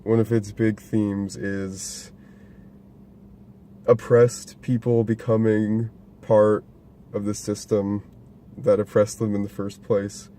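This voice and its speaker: A man's voice: on the low side, flat delivery, slow, dark tone. A young man co-hosting a casual movie review chat, rambling, laughing often and swearing casually. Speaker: podcast co-host reviewing a movie. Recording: faint background noise.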